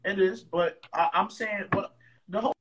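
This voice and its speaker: A man's voice: sits high, fairly even intonation, normal speed, a bit bright, low-quality recording. A man on a call whose connection keeps breaking up, talking in casual chat with slang and repeated words at the start of his sentences. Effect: choppy call connection breaking up. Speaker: call-in guest.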